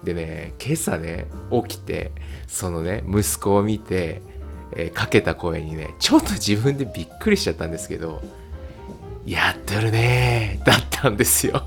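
At a normal speed and with a creaky voice, this English teacher hosts a casual podcast on his own, faint music audible behind him. His lively-pitched chatter is full of laughing and filler words.

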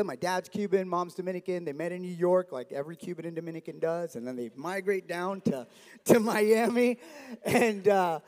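A man from South Florida in his forties gives an earnest testimony to a church, with touches of humor. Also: high voice. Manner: earnest, warm, with light humor. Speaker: church member giving testimony. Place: church hall. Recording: long reverb of a church hall.

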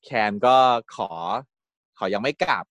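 A man chatting casually as a fan retelling episodes, animated and gushing. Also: unhurried, no room sound. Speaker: fan recapping a series. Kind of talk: casual chat.

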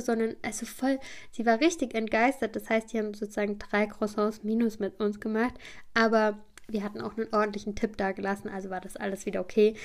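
A woman hosting a podcast, telling a story in a rambling, chatty way with many fillers. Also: medium pitch. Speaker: podcast host.

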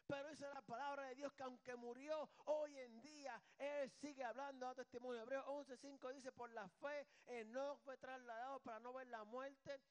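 A man preaching a sermon as a pastor, in a conversational, joking way that swings between soft asides and loud, emphatic bursts. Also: very high-pitched, fairly even intonation, normal speed, few pauses.

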